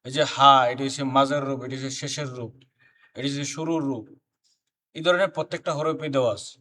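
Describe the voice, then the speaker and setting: A man's voice: mid-range voice, steady tone, fast, pushed and bright, recorded from a distance. A man teaching a beginner Quran reading class, chanting letter names one by one and explaining the letter forms. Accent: Bangladeshi Bengali.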